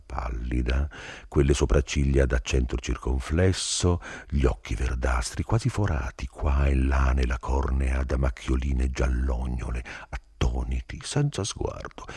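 Male reader, extremely low voice, husky, dry close sound; dramatic delivery that drops to whispers. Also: dry recording. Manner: theatrical, drops into whispers and swells louder. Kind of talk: dramatic literary reading.

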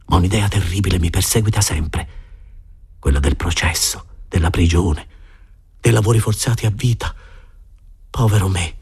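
Expressive man reading a story aloud. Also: on the low side, breathy edge. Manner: expressive, voices the characters. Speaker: audiobook reader. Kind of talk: first-person story reading.

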